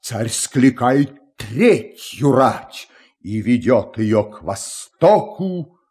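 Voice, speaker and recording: A man reciting a verse fairy tale in a slow, sing-song manner. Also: medium pitch, very animated, a little mellow, slightly rough.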